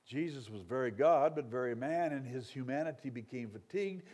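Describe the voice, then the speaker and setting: A man preaches a revival sermon in an expressive, medium-pitched voice at a slightly fast clip. He tells stories with humorous asides and acts out complaining crowds, swinging dynamically between loud outbursts and quiet remarks.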